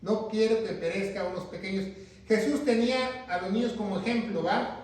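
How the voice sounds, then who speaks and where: High-voiced pastor teaching in an echoey room. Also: male voice, moderate pace, darkish tone. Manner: asks the class questions and answers them himself. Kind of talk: Bible class lecture. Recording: echoey room, mic far off.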